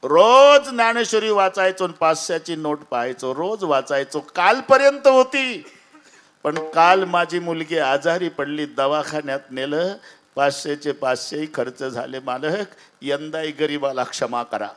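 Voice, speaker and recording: A man voicing a poor, humble male pilgrim who pleads in a high, loud, tearful voice. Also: expressive, measured pace, faint music behind. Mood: tearful pleading.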